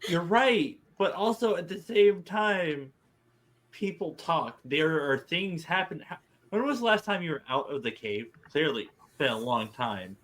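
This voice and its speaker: A man improvising casual role-play as a tabletop game player, halting and repeating his words. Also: fairly high pitch, expressive, a bit bright.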